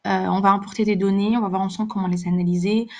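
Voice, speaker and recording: A woman gives a live software webinar demonstration, explaining as she goes in a halting way that repeats words. Her voice is mid-range and steady in tone.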